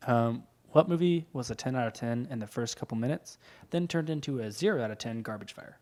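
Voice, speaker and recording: A man's voice: mid-range voice, fairly quick, a little mellow. A young man co-hosting a podcast, chatting casually, rambling through a story and laughing often. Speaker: podcast co-host. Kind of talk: casual chat.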